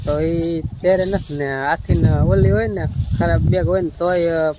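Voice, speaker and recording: A man with a Kathiawadi Gujarati accent talks through his morning on a village farm, chatty and teasing. His voice sits a bit high for a man. Birds, animals and outdoor noise come through clearly behind him. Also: fairly even intonation, unhurried. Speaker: vlogger. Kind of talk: casual village vlog chat.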